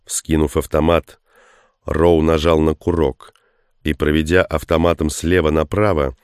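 A man reading an action story aloud in steady, even scripted narration. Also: rumbling low, measured pace, clean tone, dry recording, studio quality. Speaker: audiobook narrator.

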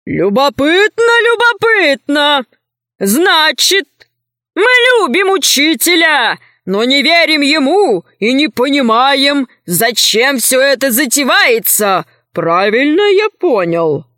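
A woman putting on a masked tyrant general with a slow, drawn-out, booming delivery. He speaks in a bright, forceful tone, condescending and mocking, with a dry, close storybook sound. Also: big pitch swings, no room sound, heavily acted. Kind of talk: audiobook character voice.

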